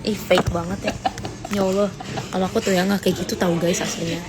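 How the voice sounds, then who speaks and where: A teenage girl hosts a casual livestream on her phone, reading comments and playfully teasing her viewers, her voice rising high whenever she's mock-outraged. She talks a little fast with fairly even intonation, against heavy background noise.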